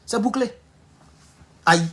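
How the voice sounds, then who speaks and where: Male Ivorian French commentator, casual livestream delivery, animated and mocking, wide swings in loudness. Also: takes it slowly. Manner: animated, laughs often, mocking asides, swings from low mutters to loud outbursts. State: sore back. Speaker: online political commentator. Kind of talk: casual livestream talk reading viewer comments.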